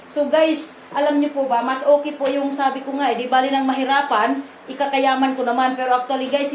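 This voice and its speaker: Visayan woman vlogger, firm blunt delivery with halting restarts, high voice, roomy echo. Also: slight background noise. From Visayas, Philippines. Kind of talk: casual vlog to camera. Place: room at home.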